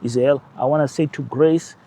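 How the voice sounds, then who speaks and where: Speaking briskly at a medium pitch, a male channel host with a Portuguese-speaking accent, Portuguese being his first language, delivers animated, emphatic political commentary broken up by brief laughs.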